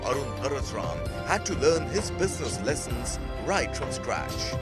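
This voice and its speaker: Animated male narrator over loud music. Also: medium pitch, unhurried. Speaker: documentary narrator. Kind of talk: scripted promotional profile narration. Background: prominent instrumental music.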